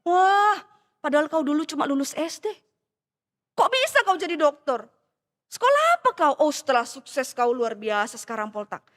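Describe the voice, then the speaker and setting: A woman preacher voicing a hearty, nosy male friend with a Medan accent, loud and teasing. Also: high voice, sing-song, moderate pace, big-room sound. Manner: loud, back-slapping and teasing.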